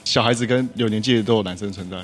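A woman's voice: a bass voice, racing, soft background music. A woman co-hosting a podcast, making teasing, dry quips. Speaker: podcast co-host. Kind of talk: casual chat.

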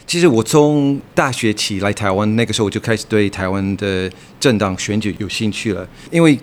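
A man's voice: lowish voice, brisk. A British man in his fifties, a native English speaker, speaking Mandarin as a foreigner in an interview, occasionally dropping in English words. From England. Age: 50s. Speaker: guest academic. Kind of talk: interview conversation.

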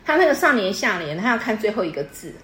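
Here a woman speaks quickly in a mid-range, slightly bright voice that swings widely in pitch. Her tone is patient and teacherly as she explains customs to a guest in casual chat, quizzing her along the way, in an echoey room.

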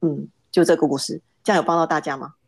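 Low-voiced woman telling a family story. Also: steady tone, fast talker, gravelly, breathy edge, no room sound. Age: middle-aged. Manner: hesitant, repeats words as she starts. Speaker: podcast guest. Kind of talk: casual storytelling.

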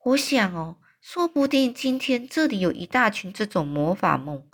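A woman voicing a big, friendly male giant in a storybook read-aloud, with loud exclamations and wailing cries. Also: mid-range voice, very animated, moderate pace. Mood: eager.

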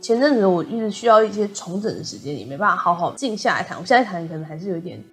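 A woman co-hosting a book discussion podcast, softly retelling a story and quoting its characters. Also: on the low side, expressive, quick pace, soft background music. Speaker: podcast co-host.

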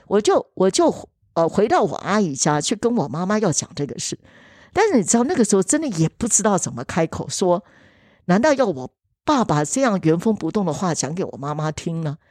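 A woman's voice: on the low side, darkish tone, no room sound, clean studio sound. A woman, earnestly telling a personal family story in a podcast chat, often hesitating and restarting.

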